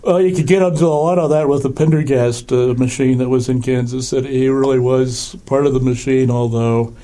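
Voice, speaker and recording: A man with a gravelly, throaty voice from a cold, chatting with dry humor as a museum curator in a podcast interview. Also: mid-range voice, steady tone, brisk, mellow.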